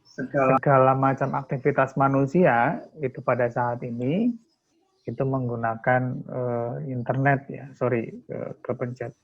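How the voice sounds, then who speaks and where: A man giving an online lecture over a video call, his voice choppy and breaking up, speaking haltingly with pauses and repeated words. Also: mid-range voice, level tone, lo-fi sound. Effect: choppy, breaking-up video-call audio. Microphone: computer mic on a video call.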